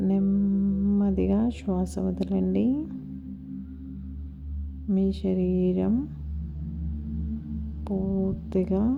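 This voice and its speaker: Woman meditation guide, low, flat, unhurried and a little gravelly; dull recording over soft music and a singing bowl. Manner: slow, soft and soothing, with long pauses. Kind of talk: guided body-scan meditation. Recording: slightly dull audio with music behind.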